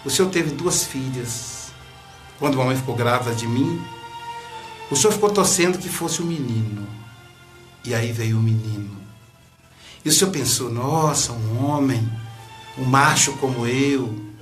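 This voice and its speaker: A man voicing a gravely ill young son with a hoarse voice and a Brazilian accent, speaking quietly and apologetically. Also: medium pitch, a little slow, long pauses, faint music behind, lightly acted. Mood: apologetic. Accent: Brazilian Portuguese.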